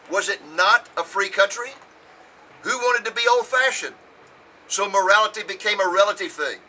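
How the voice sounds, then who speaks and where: A man's voice: fairly high pitch, bright, forceful tone, far from the mic, slight background noise, poor audio. A man reading a sermon aloud with earnest, emphatic oratory, outdoors on a hilltop. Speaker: preacher.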